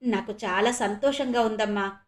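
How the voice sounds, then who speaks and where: A woman voicing a kind, wealthy middle-aged adoptive father who talks eagerly and warmly in a read-aloud audio novel. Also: very high-pitched, moderate pace, reverberant. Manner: eager, warm, generous.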